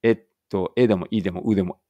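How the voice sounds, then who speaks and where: A man teaching an English read-aloud lesson in casual speech, thinking aloud and correcting himself, and reading the English lines slowly and carefully. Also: deep voice, steady tone, dark tone, dry recording, lo-fi sound.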